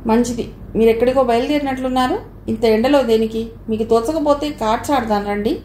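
A polite, earnest brother-in-law who persuades gently and courteously, as a woman reader voices him. The tone is mellow, and the room is echoey. It comes from a storybook reading. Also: on the high side, brisk, natural voice. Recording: echoey room, faint background noise.

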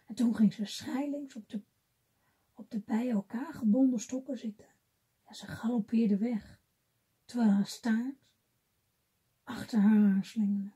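A woman reading a children's fairy tale aloud gently, often dropping to a whisper. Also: on the high side, fairly even intonation, a little slow, pauses often, breathy edge. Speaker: storybook reader.

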